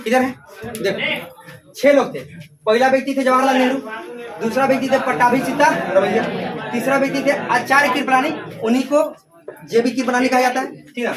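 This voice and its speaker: A man's voice: extremely high pitch, steady tone, brisk, long pauses. A man teaching a class, firing questions and having students chant the answers back, sometimes telling them to stop the noise. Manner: scolds students for making noise. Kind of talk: classroom lecture with call-and-response drilling. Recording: distant mic, noisy class chatter.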